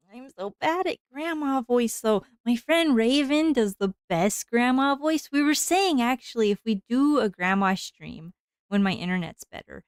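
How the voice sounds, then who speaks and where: A woman streamer chatting away while she draws, in a smooth, clear voice set a little high. She rambles slowly through her stories with plenty of fillers and laughs, and the sound is close and dry. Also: no room sound. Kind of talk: casual chat while drawing on stream.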